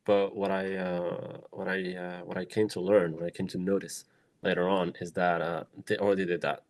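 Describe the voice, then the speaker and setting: A young man from Morocco, a woodworker, speaking thoughtfully in a documentary interview, with many pauses, fillers and restarts. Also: deep voice, flat delivery, a little mellow. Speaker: woodworker and small business founder.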